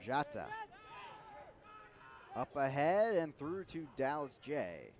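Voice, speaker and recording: A man's voice: fairly high pitch, big pitch swings, takes it slowly. A man doing live play-by-play soccer commentary as an announcer. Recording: outdoor stadium noise behind. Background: outdoor stadium ambience.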